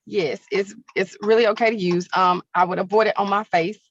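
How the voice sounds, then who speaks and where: A woman's voice: medium pitch, steady tone, a little fast. A woman on a video call, speaking casually as a guest advising children. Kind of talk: casual advice and praise. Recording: dull, dry call audio.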